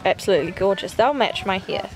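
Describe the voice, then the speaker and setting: A young woman vlogging outdoors at a pony event, teasing her friend in a playful, loud way. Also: mid-range voice, lively intonation, fast, poor audio. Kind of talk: casual chat. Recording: outdoor noise. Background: outdoor noise.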